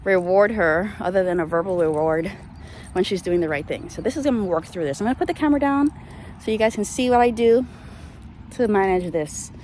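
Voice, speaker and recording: Speaking a little fast in a medium-pitched, slightly mellow voice, a woman gives owner-style training tips to camera while walking and managing her dog. The noisy audio comes from a handheld camera mic.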